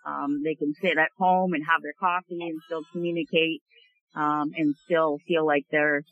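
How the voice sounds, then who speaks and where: A woman's voice: low-pitched, level tone, moderate pace, a bit bright. A woman joining an interview by phone, explaining things at length with frequent ums. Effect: heard over a phone line. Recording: tinny dry phone line.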